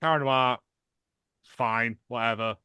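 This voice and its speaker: A man hosting a podcast in casual chat, excitable and rambling with repeated restarts. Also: mid-range voice, takes it slowly, smooth, no echo. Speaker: podcast host.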